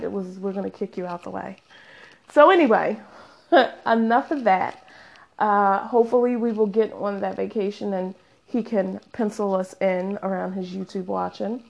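A woman's voice: mid-range voice, vocal fry, lo-fi sound. A woman in her thirties chatting casually as a vlogger, rambling and self-mocking and often breaking into laughter. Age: 30s. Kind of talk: casual chat.

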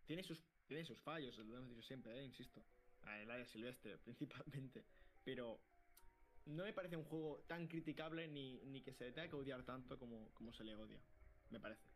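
A man from co-hosting a casual podcast, telling stories fast and laughing often. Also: medium pitch, faint music behind. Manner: fast, animated, laughing storyteller. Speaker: podcast co-host. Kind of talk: casual chat.

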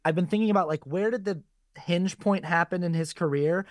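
A man's voice: sits high, a little fast, dry recording, studio quality. A man who is a guest actor chatting casually on a podcast and telling stories with energy. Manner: animated storyteller, quotes others in lively voices.

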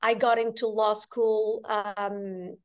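A woman's voice: mid-range voice, little pitch movement, slow pace. A woman from Portugal, a guest telling her story earnestly and with many restarts. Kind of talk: casual interview chat.

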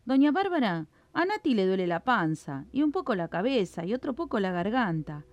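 A woman's voice: mid-range voice, very animated, a little fast, darkish tone, close to an everyday voice. Woman doing a cheeky young boy. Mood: bold. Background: faint music.

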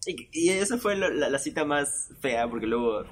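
Here the young male podcast host sounds animated, his voice medium in pitch and his pace moderate. Slight background noise accompanies his casual storytelling monologue, a chatty, self-mocking personal tale broken up by frequent laughter.

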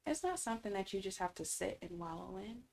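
A woman's voice: mid-range voice, expressive, fast, creaky, a little mellow. A woman in her twenties chatting casually and earnestly, with a comforting, caring, maternal manner. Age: 20s. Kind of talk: casual chat.

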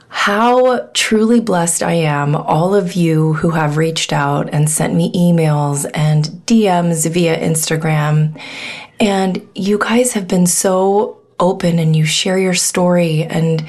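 A woman hosts her own solo podcast while nursing a head cold, which makes her fairly low, darkish voice sound nasal and congested. She talks casually and earnestly, rambling along with lots of fillers.

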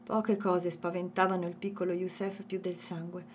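A woman narrating an audiobook in a measured, expressive reading. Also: lowish voice, a little hiss or hum.

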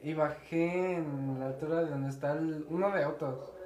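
Casting note: relaxed Mexican-accented co-host, mid-pitched voice, recorded in an echoey room with clear background noise. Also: normal speed, highs cut off. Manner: frequent short backchannel, relaxed. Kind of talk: casual chat.

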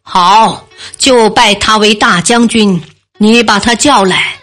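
A proud, quick-tempered king of old who barks out his orders, voiced by a woman storyteller. The pace stays slow and the pitch mid-range, over soft music. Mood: brusque. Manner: scolding and brusque. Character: hot-tempered, proud male king of an ancient court.

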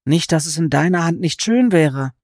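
A man's voice: on the high side, lively intonation, moderate pace, a little mellow, no room sound, studio quality, voice pushed up. A man voicing a wry young woman who pleads politely, while reading an audiobook. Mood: pleading.

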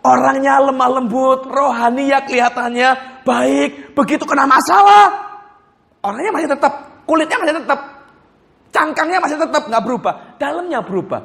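A male pastor preaching a sermon in a lively, conversational storytelling manner, often chuckling as he talks. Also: very high-pitched, normal speed, creaky.

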